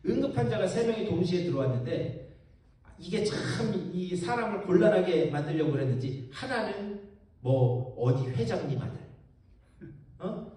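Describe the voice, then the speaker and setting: A man's voice: high voice, mellow. A male pastor giving a Bible-study sermon, telling a story with animation and asking the congregation questions, recorded in a church hall from far off. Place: church sanctuary.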